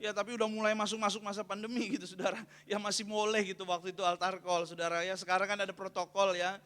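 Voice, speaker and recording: High-voiced pastor preaching in a hall. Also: male voice, little pitch movement, fast, bright, forceful tone. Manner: call-and-response preaching, often asking the congregation to finish his sentences. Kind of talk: sermon. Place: church hall. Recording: long reverb of a church hall.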